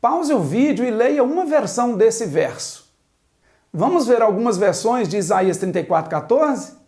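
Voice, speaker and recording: A woman's voice: fairly high pitch, sing-song, normal speed, dark tone. A woman teaching a language lesson at a board, spelling out sounds one at a time and asking the viewer to repeat after her. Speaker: Hebrew teacher. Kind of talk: slow, patient board lesson.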